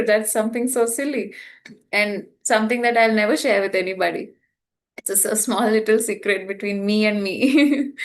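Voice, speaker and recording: Young indian lady telling her story, kinda high voice, lively, laughs a lot. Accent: Indian English. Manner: animated storytelling with frequent laughs. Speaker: spiritual trainer. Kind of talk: personal story talk.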